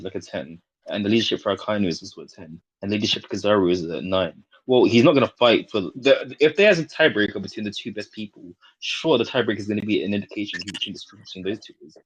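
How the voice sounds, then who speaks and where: Husky-voiced man laying out arguments fast. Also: fairly low pitch, dull audio. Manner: methodical, builds step-by-step analogies. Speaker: debater. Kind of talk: casual debate.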